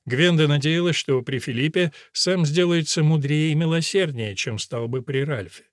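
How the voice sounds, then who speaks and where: A man narrates an audiobook in a measured storytelling manner. His voice sits a little high for a man, and the recording is close and dry with no room sound. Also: no echo. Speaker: audiobook reader. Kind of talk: scripted narration.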